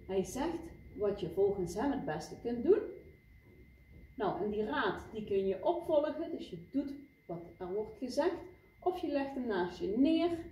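Patient, slow woman teacher. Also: mid-range voice, dark tone, slight background noise. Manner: patient, explaining. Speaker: primary school teacher. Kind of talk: vocabulary lesson for young pupils. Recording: echoey classroom from far off.

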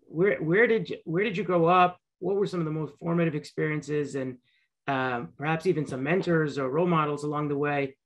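A man's voice: on the high side, fairly even intonation, fairly quick, dull audio. A young man hosting an interview over a video call from a home library, giving a formal introduction and asking questions, sometimes restarting them. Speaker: host. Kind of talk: interview host.

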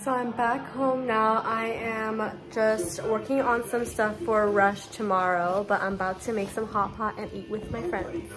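Over music, a young adult woman narrates her vlog in an unhurried, level tone with a slightly high voice. The bubbly, girly college student and sorority rush chair films on a handheld phone at arm's length, and the recording is noisy with room and street ambience.

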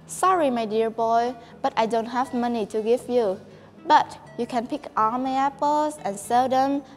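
A generous apple tree, voiced by a woman storyteller speaks in a soothing, fairly high voice. The reading carries a long echo, with faint music underneath. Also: a little slow, close to an everyday voice.

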